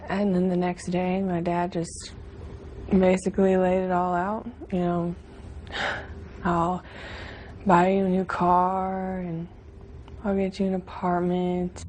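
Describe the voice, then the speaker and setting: A young woman answering interview questions in a quiet, hesitant way. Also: fairly low pitch, completely flat delivery, takes it slowly, pauses often, slight background noise. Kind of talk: interview recollection.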